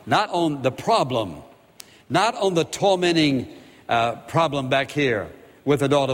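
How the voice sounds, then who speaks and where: A man's voice: fairly high pitch, big-room sound. A man preaching a sermon with emphatic, repeated phrases, acting out the voices of people in the Bible.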